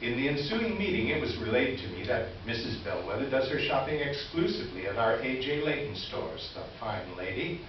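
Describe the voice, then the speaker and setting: Performing in staged reader's theater before an audience indoors, a man plays a smug, officious middle-aged complaints officer reading his formal, condescending letter aloud with pompous formality. His natural mid-range voice swings widely in pitch, running a little fast with few pauses. The recording is distant in an echoey hall, dull, with faint hiss.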